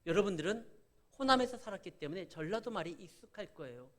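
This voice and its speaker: Middle-aged pastor, Chungcheong accent, preaching in a high, lively voice, acts out dialogue in his stories. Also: fast. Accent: Chungcheong Korean. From Korea. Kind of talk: sermon.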